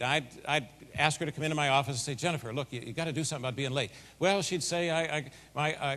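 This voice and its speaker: A keynote speaker with a big, fairly high-pitched voice tells stories in a hall, his delivery folksy and animated. The recording carries a long hall reverb.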